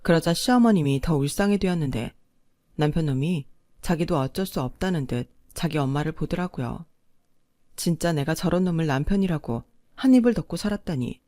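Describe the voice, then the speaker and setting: A woman tells her story in a calm, level and firm voice, a little softer and lower than her dialogue. The recording is close and dry, with no room around it. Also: a little fast, no echo. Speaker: narrator. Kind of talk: storytelling narration.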